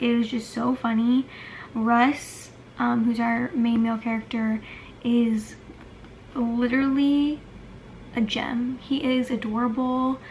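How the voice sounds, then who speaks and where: A woman's voice: fairly high pitch, creaky, a little mellow, a little hiss or hum. A young woman chatting casually about books she loved, gushing and emotional, with lots of filler words. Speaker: book vlogger. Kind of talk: casual chat.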